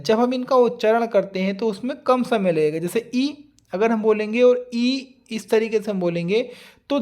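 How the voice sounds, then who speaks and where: A man's voice: high voice, darkish tone. A man teaching an exam-prep grammar lecture, patiently repeating each point and often addressing his students directly.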